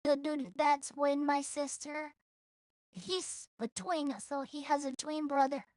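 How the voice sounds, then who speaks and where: High-voiced woman. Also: steady tone, slow, a little mellow, dry recording, clean studio sound. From El Salvador. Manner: rambling, blunt and profane, with many restarts. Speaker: streamer. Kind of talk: casual monologue vlog.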